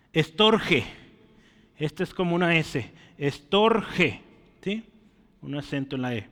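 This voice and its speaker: A man gives a teaching sermon in a church hall, his fairly high voice ringing with a long hall reverb. He talks in a conversational way and often checks whether his listeners follow him. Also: a bit bright. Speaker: preacher.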